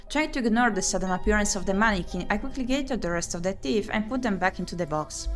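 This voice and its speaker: A streamer plays a visual novel and gives let's-play commentary, reading the game's narration aloud while expressively muttering and exclaiming to herself. She speaks at a medium pitch and a quick pace, with music playing behind her.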